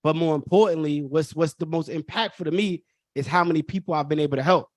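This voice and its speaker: A Brooklyn man in his 30s hosts a live online workshop, his fairly high voice moving fast over clean studio audio with no room sound. He is emphatic and repetitive, addressing the audience as "y'all."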